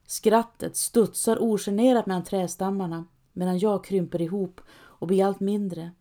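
A woman narrates a first-person story for an audiobook. Her delivery is hushed and tense, drawing the listener close. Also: medium pitch, fairly even intonation.

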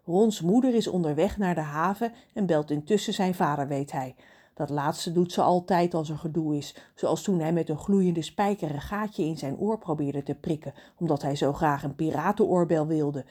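A woman narrating a children's audiobook in an expressive, storytelling manner. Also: low-pitched, normal speed, husky.

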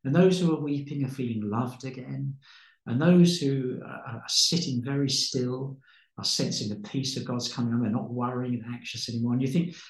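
A man's voice: mid-range voice, normal speed. A man, a pastor, telling stories with fervent, preaching energy, often repeating words as he builds. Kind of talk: passionate storytelling in conversation. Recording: roomy echo.

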